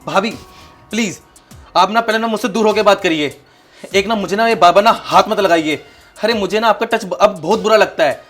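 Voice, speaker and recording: A man's voice: high voice, quick pace, a bit bright, faint music behind. A young man playing a dutiful student brother-in-law in a short film drama, earnest and exasperated. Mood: exasperated refusal. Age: young adult.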